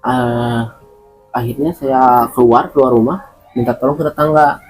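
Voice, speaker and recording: A man's voice: mid-range voice, fairly even intonation, moderate pace, soft background music, low-quality recording. A man guest in an interview, recounting a personal experience in a hesitant way, repeating words and using many fillers.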